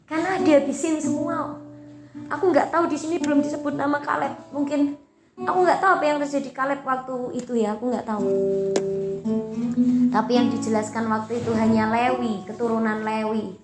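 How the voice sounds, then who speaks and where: A woman's voice: sits high, fairly even intonation, fairly quick. Woman pastor preaching over guitar. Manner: emphatic, swinging between loud and soft. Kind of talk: sermon. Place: church hall. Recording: echoey hall with loud guitar.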